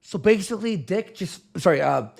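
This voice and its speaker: A man giving casual live reaction commentary in an animated, exclamatory way. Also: sits high, normal speed, vocal fry.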